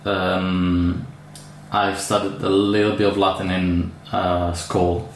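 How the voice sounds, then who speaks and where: A man with an Italian accent talks through an orchid unboxing in a hesitant, chatty way, full of fillers and restarts. His voice sits low and gravelly. The room is echoey, with faint ambient noise behind him. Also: little pitch movement, slow pace. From Italy. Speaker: orchid grower. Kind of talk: casual unboxing vlog.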